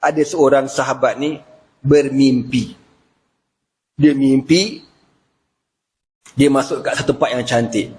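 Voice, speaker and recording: A Malaysian Malay-accented male preacher telling a sermon story in a lively, joking manner. His voice sits a little high for a man. It rings with a long reverb through a prayer hall. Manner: lively, humorous, addresses the congregation.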